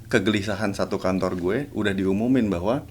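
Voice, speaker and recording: A man hosting a casual podcast chat. He talks in a relaxed, easygoing way and often pauses on fillers. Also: lowish voice, slight background noise. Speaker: podcast host.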